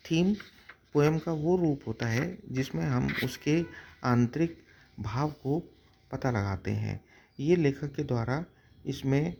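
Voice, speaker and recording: Male teacher, gravelly tone, measured lecture delivery, works through terms in lists. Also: medium pitch, darkish tone, a little hiss or hum. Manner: methodical, lists terms one by one. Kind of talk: lecture on poetic devices.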